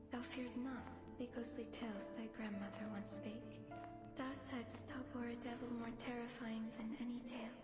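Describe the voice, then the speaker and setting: Actress as slow, high-voiced devout woman in echo. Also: close to an everyday voice. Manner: solemn, slow archaic phrasing. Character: devout, anxious, tender woman of olden times. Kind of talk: dramatic video game voice acting in archaic English. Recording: long echoing reverb under music.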